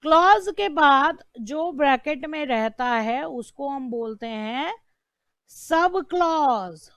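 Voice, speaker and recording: A woman's voice: high-pitched, takes it slowly, a bit bright, no echo, lo-fi sound. A woman teaching an online law lecture, asking rhetorical questions and repeating key terms.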